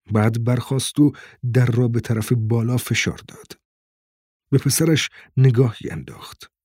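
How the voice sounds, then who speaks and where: A man with a husky voice reads a novel as an audiobook narrator, in steady, measured scripted narration. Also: mid-range voice, dry recording, studio quality. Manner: steady, measured, descriptive reading.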